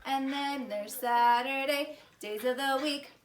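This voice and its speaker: Speaking slowly in a high voice, a woman leads a preschool story time that combines a lesson and a read-aloud. She uses a sing-song teacher's tone and simple questions with young children, captured on a roomy, distant mic with faint noise.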